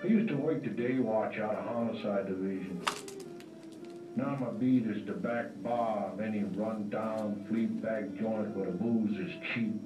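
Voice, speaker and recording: A man playing a world-weary hardboiled detective, narrating a film-noir story in a slow, wry, tough-guy drawl. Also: lowish voice, natural voice. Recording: roomy, distant, dull lo-fi recording with faint music.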